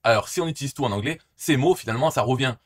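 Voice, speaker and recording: A man's voice: mid-range voice, animated, racing. Rambling French-speaking man musing on tech. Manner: rambling, joking, with many restarts and asides. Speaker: YouTube tech presenter. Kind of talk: casual screen-recorded tech commentary.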